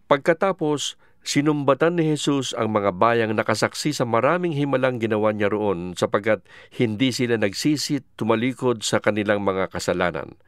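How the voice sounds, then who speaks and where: A man narrating scripture from a script in a measured, formal way. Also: mid-range voice, clean tone, no room sound, clean studio sound.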